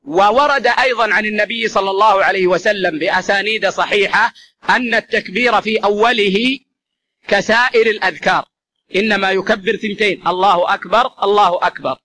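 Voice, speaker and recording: A religious teacher with a high-sitting, bright, forceful voice gives an explanatory lesson at a quick pace. He addresses his listeners as brothers and repeats key phrases for emphasis.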